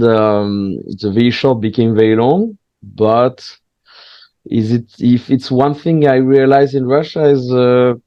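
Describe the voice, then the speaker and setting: A French stand-up comedian, whose first language is French, chats candidly as a guest in a casual interview. He is hesitant, pausing and restarting often. His voice is mid-range, the sound is lo-fi, and there is no echo.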